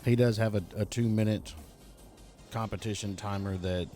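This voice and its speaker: A deep, mellow-voiced man hosts a live esports racing event. He talks in a loose, chatty way and jokes easily, with faint music behind him. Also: fairly even intonation, moderate pace. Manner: casual, chatty, joking. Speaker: race event host and commentator.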